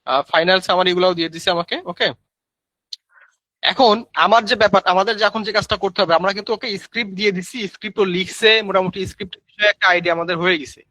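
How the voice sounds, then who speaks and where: Man, chatty course instructor, bright tense voice, dry close sound. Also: high-pitched, dry recording, poor audio. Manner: chatty, addresses viewers as brother, many fillers. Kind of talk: live screen-share tutorial.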